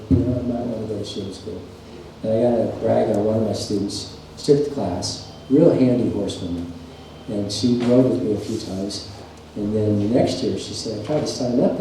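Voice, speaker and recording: A man's voice: lowish voice, dark tone. A middle-aged man telling folksy, rambling stories as a farrier instructor at a clinic presentation. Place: large workshop or clinic hall. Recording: echoey shop, mic far off, faint hum.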